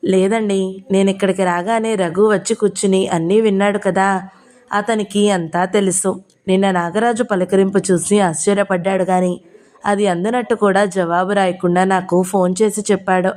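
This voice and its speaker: A woman's voice: mid-range voice, fairly even intonation, normal speed, darkish tone, natural voice. A woman reading the part of an earnest young wife in an audio novel, in her own voice.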